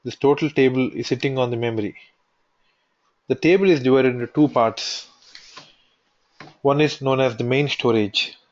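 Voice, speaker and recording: A man teaching a software tutorial, walking through a screen recording step by step and restating each point as he goes. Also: medium pitch, normal speed, long pauses. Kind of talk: screen-recorded technical walkthrough. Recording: dull lo-fi voice recording.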